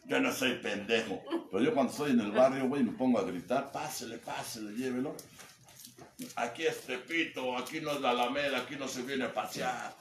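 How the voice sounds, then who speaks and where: Speaking a little fast with few pauses, this man's mid-range voice carries a Mexico City accent. He's a sponsor at a recovery group meeting, giving a foul-mouthed, joking, mocking testimony and imitating the voices he quotes, all in an echoey room with background noise.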